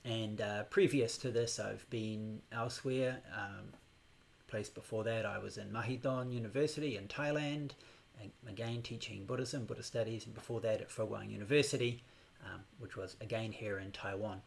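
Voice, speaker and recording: Gravelly-voiced New meditation teacher. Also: male voice, lowish voice, fairly even intonation. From New Zealand. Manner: unhurried, with frequent hesitations. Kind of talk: live-streamed class introduction. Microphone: new microphone on a laptop setup.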